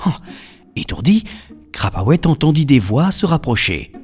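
A man narrating a children's story in an expressive, storytelling manner. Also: a little high, normal speed, husky, soft background music.

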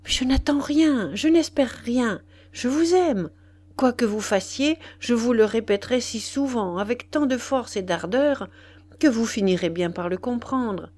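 A woman's voice: on the high side, expressive, measured pace, darkish tone, voice pushed up. A woman voicing an ardent young man who pleads his love with passionate insistence, in an audiobook reading. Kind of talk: audiobook character voice.

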